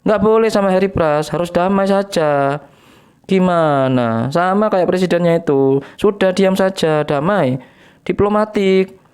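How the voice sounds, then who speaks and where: A nagging, preachy scold with a high, whining sing-song voice, put on by a man in mockery. He lectures people to stay calm and accept everything, his pitch lifted far above a normal speaking voice. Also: unhurried, clean tone.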